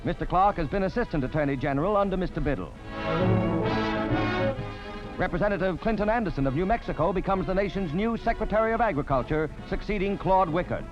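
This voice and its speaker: A man's voice: high voice, expressive, quick pace. A man narrating an old 1940s newsreel in an emphatic, declamatory announcer style. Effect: old 1940s newsreel soundtrack. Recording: dull lo-fi old film soundtrack with music. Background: music score.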